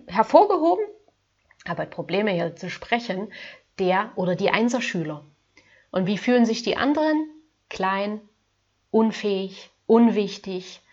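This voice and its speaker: A woman life coach giving a gentle, earnest self-help talk straight to the viewer, addressing them formally. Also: medium pitch, highs cut off.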